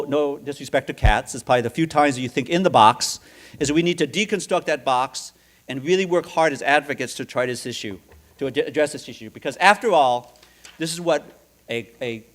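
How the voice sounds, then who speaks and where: A middle-aged man giving a conference talk in a seminar room, often pausing and repeating words and putting questions to the audience. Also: on the high side. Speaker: seminar speaker.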